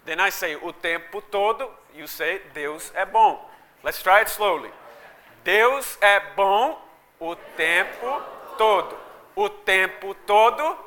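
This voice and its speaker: Holding a microphone, a high-voiced man preaches a lively sermon full of call and response. Portuguese is his first language, and he is animated and jokey, with a bright voice as he leads chants from the crowd.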